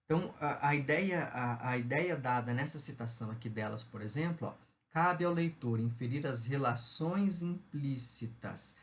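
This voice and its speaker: A man's voice: medium pitch, normal speed, slight background noise. Brazilian male lecturer explaining steadily. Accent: Brazilian Portuguese. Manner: explanatory, many fillers like "né" and "tá". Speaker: university lecturer. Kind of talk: recorded online lecture.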